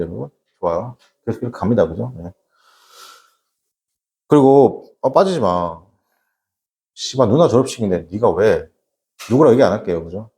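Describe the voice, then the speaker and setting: A man's voice: mid-range voice, warm tone. A middle-aged man teaching a classroom English lesson, chatty and joking, constantly checking in with his students. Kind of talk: classroom lecture.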